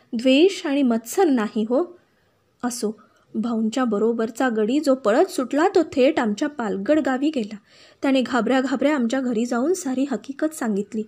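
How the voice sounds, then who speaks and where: A woman reading a children's story aloud with dramatic expression, dropping to hushed whispers in tense parts. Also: sits high. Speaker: storybook reader.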